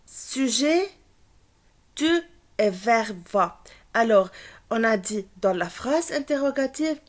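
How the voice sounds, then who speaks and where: A female French teacher walks a class through a grammar point, moving back and forth between French and English and repeating the key words. Her voice sits high and her pace is unhurried and deliberate.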